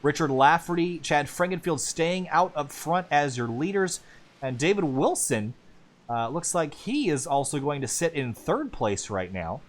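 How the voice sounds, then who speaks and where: Excited male sim-racing play-by-play caller. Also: fairly high pitch. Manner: quick, rising excitement on racing action. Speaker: lead race commentator.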